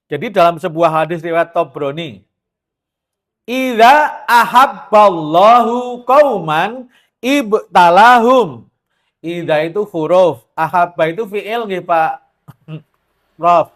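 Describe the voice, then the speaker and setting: A man with a Javanese accent preaching a lively, joking sermon to a women's gathering. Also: sits high. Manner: lively, joking, mixes in Javascript-free Javanese asides and sung lines.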